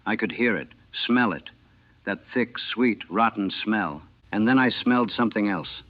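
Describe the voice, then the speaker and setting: A former navy cook tells his own war memoir in short, clipped fragments, measured and grave, preserved on an old 1940s recording that is tinny, narrow-band and dry. His voice is fairly low and expressive.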